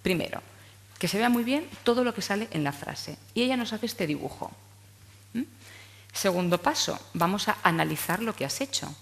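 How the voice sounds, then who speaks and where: A woman's voice: mid-range voice, expressive, normal speed, fairly bright tone. A woman from giving a talk on speech therapy to teachers, explaining step by step and checking in often with "¿vale?" and "¿eh?". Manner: explanatory, frequent tag questions. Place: conference hall. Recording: long hall reverb.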